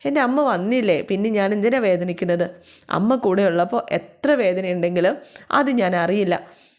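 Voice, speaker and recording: An injured young man gently reassures his mother that he feels no pain. A woman narrator voices him. The delivery stays near her everyday voice. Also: medium pitch, lively intonation, normal speed, close to an everyday voice. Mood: reassuring.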